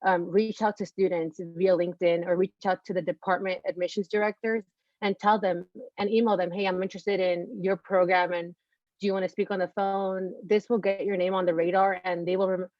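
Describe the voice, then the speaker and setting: Woman from california, grad student panelist, earnest advice, low flat voice, dry dull audio. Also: fairly quick, no echo. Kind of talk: casual panel answer.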